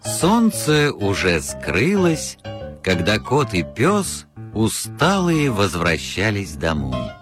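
A man's voice: on the low side, wildly swooping pitch, slow pace, music in the background. A man narrating a children's story from a script with lots of expression.

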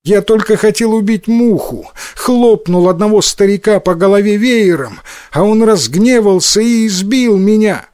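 Naive young village boy, high childlike voice, put on by a male storyteller. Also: normal speed, a little mellow, no echo, clean studio sound, lightly acted. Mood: complaining. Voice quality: raised childlike voice.

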